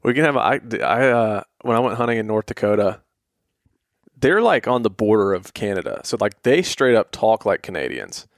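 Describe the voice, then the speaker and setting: Male podcast co-host from Atlanta, lowish voice, joking banter, dry close mic. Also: very animated, moderate pace, no echo. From Atlanta, USA. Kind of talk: casual chat.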